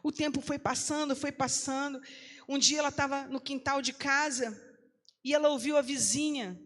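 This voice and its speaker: A woman's voice: high voice, steady tone, normal speed, a bit bright. A woman pastor telling a testimony in a sermon, acting out the voices in the quoted lines. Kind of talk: sermon storytelling. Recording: long hall reverb.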